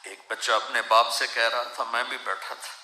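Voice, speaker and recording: A man delivers a tearful sermon, his voice cutting and sharply bright as he pleads and laments. The sound rings around a large hall with a faint hiss underneath. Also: medium pitch, steady tone. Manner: tearful, pleading, recites verse in a rising lament. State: weeping. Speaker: preacher. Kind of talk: emotional sermon.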